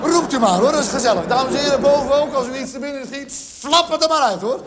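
High-voiced man telling a comic tale on stage. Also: quick pace, noisy background. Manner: rambling storytelling with sudden mock-earnest asides to the audience. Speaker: stand-up comedian. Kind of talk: live theatre comedy monologue. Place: large theatre stage with audience. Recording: live theatre recording with long hall reverb. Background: audience laughter.

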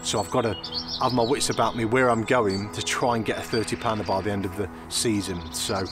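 With music playing in the background, a man with a lowish, steady voice talks briskly about his fishing trip. It's easygoing outdoor vlog narration from a fenland drain bank, chatty and repetitive, with "it really does" cropping up again and again.

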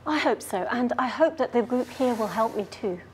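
A woman playing an earnest lady grammar detective who explains rules clearly and patiently. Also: on the high side, expressive, normal speed, a little mellow, slight background noise, natural voice. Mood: eager. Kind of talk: scripted grammar lesson skit.

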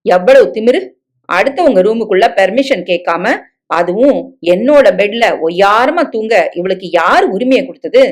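A woman's voice: medium pitch, expressive, normal speed, a little mellow, lightly acted. A woman reading the part of an arrogant young husband who barks curt orders. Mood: scolding. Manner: curt, scolding, barking orders.

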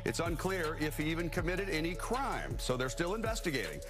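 A man's voice: a little high, very animated, fairly quick, over music. A man co-anchoring an evening newscast in a studio, reading scripted lines. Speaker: news anchor.

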